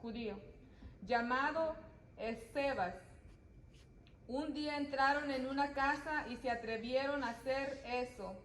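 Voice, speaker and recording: A woman reads scripture aloud to a church group, steady and careful. Her voice is high, and the room around her echoes. Faint noise sits in the background.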